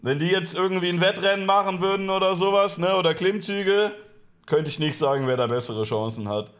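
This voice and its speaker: High-voiced man mocking a clip on stream. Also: brisk, a bit bright. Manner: sarcastic, laughs often, swears casually. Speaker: streamer reacting to a talk show clip. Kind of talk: mocking live-stream commentary.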